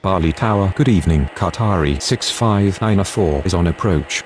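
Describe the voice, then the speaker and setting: A deep, expressive male voice at normal speed, with slight background noise, delivers businesslike air traffic control radio calls for a game. He plays a procedural airport controller and pilot, using formal, clipped aviation language.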